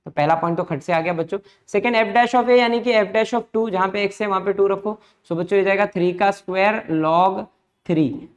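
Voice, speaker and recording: This is a male maths teacher, giving a lecture. He talks at a brisk clip and coaxes his students along one step at a time. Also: high voice. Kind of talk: lecture mixing Hindi and English.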